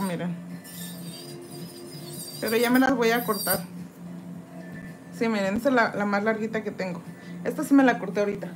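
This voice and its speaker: A woman from Mexico doing casual live-stream chat as she files acrylic off her own nails, reading viewer comments aloud and greeting each one by name. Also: a little high. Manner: chatty, reads viewer comments aloud and greets them while working. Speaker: nail tech streamer. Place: indoors at a nail desk.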